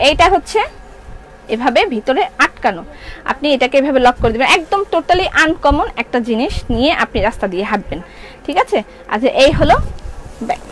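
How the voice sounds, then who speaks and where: A woman's voice: high-pitched, a bit bright, a little hiss or hum, low-quality recording. A middle-aged woman with a Bangladeshi Bengali accent selling clothes on a live stream, chatting and answering viewer comments. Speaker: online shop seller. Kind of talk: live-stream product sale.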